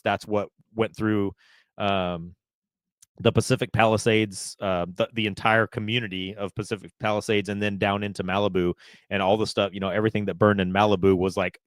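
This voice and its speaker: Laid-back man with a low voice. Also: no room sound, studio quality. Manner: laid-back, explains with many fillers. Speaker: podcast co-host. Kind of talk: casual podcast chat.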